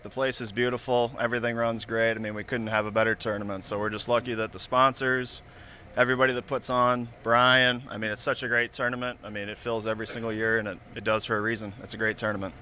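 Flat-voiced, modest champion bowler. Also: male voice, mid-range voice, fast, slight background noise. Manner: modest, easygoing, many "I mean"s. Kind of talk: casual post-match interview.

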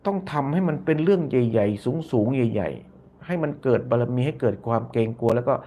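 This YouTube channel host speaks in a mellow, mid-range voice that's animated and a little fast, with slight background noise. During his casual live stream he reads out viewer comments, frequently repeating phrases and ending lines with polite particles.

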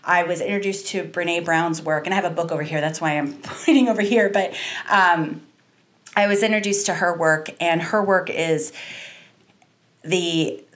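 A woman in her thirties speaks with a fairly low voice as a guest on a podcast. She talks earnestly and reflectively, running her thoughts together in long chains. She is recorded close on a desk microphone in a small studio. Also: moderate pace. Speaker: salon owner, guest. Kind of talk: podcast interview. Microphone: studio mic on a desk stand, wearing headphones.

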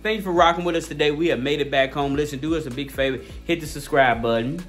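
At home over soft background music, a vlog host with a slightly high voice talks fast. He starts with playful baby talk, teasing and cooing at an infant, before speaking straight to the audience of his casual family vlog.

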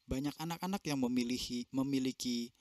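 A man's voice: mid-range voice, fairly quick, a little mellow, no room sound, clean studio sound. Man interpreting a seminar over a video call. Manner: translates in phrases with fillers and self-corrections. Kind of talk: consecutive interpretation.

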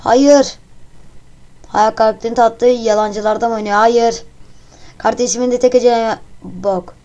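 A woman's voice: on the high side, steady tone, slow pace, mellow, lo-fi sound. A woman hosting her own channel, casually talking through a guessing game while giggling and joking crudely. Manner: giggly, answers questions aloud and jokes crudely.

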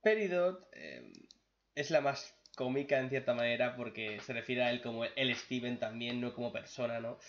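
A young man from Spain with a Spanish accent, giving casual reaction commentary, excitable and swearing freely. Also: mid-range voice, moderate pace, highs cut off. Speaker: reaction youtuber.

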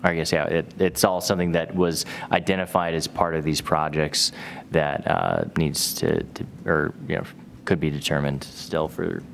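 A young man speaking hesitantly at a public town committee meeting, with many pauses and fillers, recorded on a desk microphone in a town hall auditorium. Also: a bass voice, little pitch movement, gravelly, a little hiss or hum.

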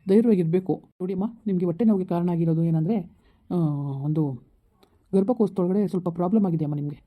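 A man playing a calm hospital doctor who explains things in a reassuring, repetitive way. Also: high voice, fast. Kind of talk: village comedy skit. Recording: tinny phone-like sound.

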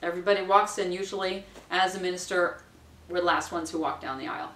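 A woman's voice: lowish voice, quick pace. A woman in her forties, a wedding minister, giving practical training to camera in a chatty way, playfully acting out what people say. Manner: chatty, practical, acts out quotes with a bright lilt. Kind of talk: instructional talk to camera. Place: small room at home, indoors. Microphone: camera mic at a distance. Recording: roomy, distant camera sound.

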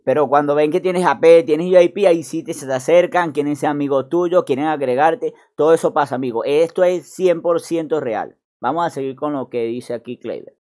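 A man chatting casually over a screen recording of a game, chatty and mock-excited. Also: on the high side, brisk, few pauses. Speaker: gaming youtuber.

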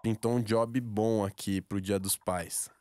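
A man's voice: on the low side, fairly even intonation, slow pace, dark tone. A Brazilian man in his twenties in casual, coaxing, slangy chat at a studio microphone. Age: 20s. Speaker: radio prank caller. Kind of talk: casual persuasive phone prank chat. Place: radio studio. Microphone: studio microphone on desk stand.

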